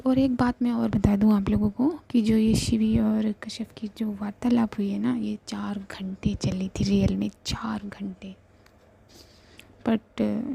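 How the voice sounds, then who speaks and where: A young woman telling a love story in a hushed, intimate whisper with chatty asides to viewers. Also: mid-range voice, vocal fry, husky.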